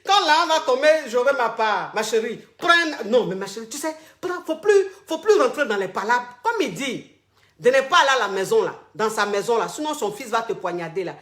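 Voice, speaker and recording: A woman with a slightly high, expressive voice hosts an advice call at a brisk pace, coaching the caller in a dramatic, teasing manner. She repeats her phrases again and again, and the recording has a roomy echo.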